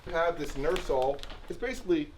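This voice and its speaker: A man's voice: on the high side, brisk, slight background noise. A man with a congested, sniffly voice, chatting casually in a vlog while feeding his dogs at home. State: congested from allergies. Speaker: animal vlogger.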